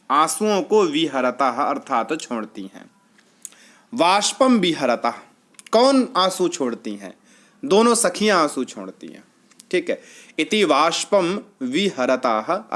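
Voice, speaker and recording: A man's voice: a little high, a bit bright. A man teaching an exam-prep lecture, explaining line by line and asking and answering his own questions. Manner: repeats "theek hai" as a check-in. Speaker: Sanskrit teacher.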